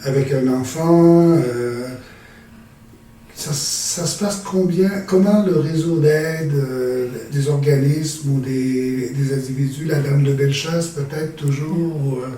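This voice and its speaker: A man's voice: medium pitch, fairly even intonation, slow, dark tone, slight background noise. A man hosting a conversational interview, asking questions hesitantly with many fillers and restarts. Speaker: podcast host. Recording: distant mic with heavy room echo and faint ambience.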